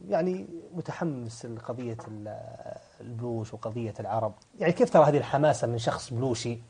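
A man hosting a live call-in show, pressing callers with rapid questions. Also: medium pitch, warm tone, slightly rough. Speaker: talk show host.

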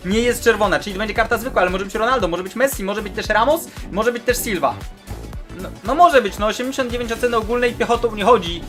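A high-pitched man with a voice gone hoarse from a starting sore throat narrates eager gaming commentary, exclaiming as each card turns up. Soft music hums faintly underneath. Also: quick pace. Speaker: gaming channel host. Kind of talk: excited pack-opening commentary.

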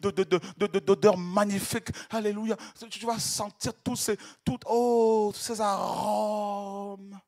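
A man preaching an ecstatic sermon, swinging from hushed murmurs to shouted cries, repeating and stumbling over words in his fervor. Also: high voice, steady tone, normal speed, hardly any pauses.

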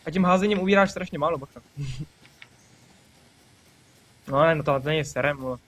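A young man hosting a gaming video, chatting casually and excitedly with a friend, swearing and laughing often. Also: on the high side, low-quality recording. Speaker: gaming channel host. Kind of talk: casual let's-play banter.

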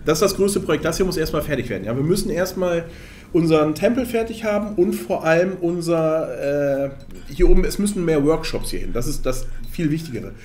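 A man's voice: on the high side, lively intonation, fairly quick, a little mellow, slight background noise. Man thinking aloud while streaming a game. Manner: thinks aloud, counts under his breath, chats to viewers. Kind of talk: casual live-stream gameplay commentary.

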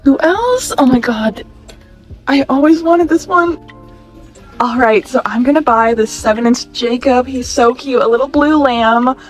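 A woman in her twenties talking casually and excitedly to a phone camera while shopping in stores. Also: high-pitched, measured pace, faint music behind. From California. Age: 20s. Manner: gushing, excitable, chatty. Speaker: vlogger. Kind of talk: casual shopping vlog narration. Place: in stores with background music, holding a phone.

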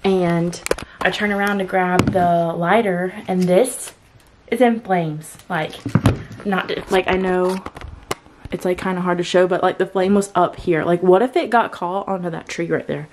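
Talking a little slowly in a lowish, slightly mellow voice, a woman vlogs casually from her home's guest bedroom. She's a chatty lifestyle vlogger with lots of filler words, a sore throat, and a cough drop in her mouth. The audio is poor, with a little hiss or hum.

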